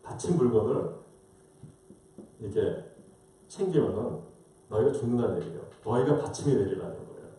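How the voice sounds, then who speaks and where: A man's voice: medium pitch, very animated, moderate pace, pauses often, dark tone. A man preaching a sermon as pastor, asking rhetorical questions and acting out quoted voices. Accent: Korean-American. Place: church sanctuary. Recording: roomy distant church mic.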